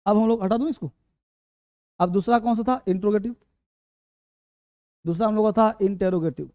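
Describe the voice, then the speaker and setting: A man teaching an English grammar lesson, talking slowly, repeating key words and quizzing his students. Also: sits high, darkish tone, no room sound, studio quality.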